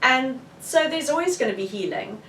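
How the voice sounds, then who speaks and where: A woman's voice: sits high, moderate pace. Frank South African woman in a room. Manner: frank and animated. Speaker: author. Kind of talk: candid book launch discussion. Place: bookshop event room. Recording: roomy, distant, with faint room noise.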